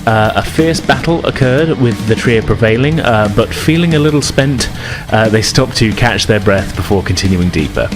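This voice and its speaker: A man with a lowish, expressive voice talks at a moderate pace with hardly any pauses, hosting and game mastering a tabletop role-playing podcast in a chatty, informal way. He delivers a casual podcast intro and narrates the game while music plays behind him.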